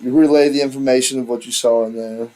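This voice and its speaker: A man at mid pitch running a tabletop session as dungeon master. He lays out the rules patiently and easily, with plain casual phrasing. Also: fairly even intonation, fast, mellow, rough recording.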